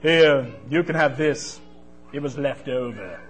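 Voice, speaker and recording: A man's voice: medium pitch, measured pace, soft background music, lightly acted. A man voicing a snooty, stern restaurant host in a children's story, with a curt, haughty delivery.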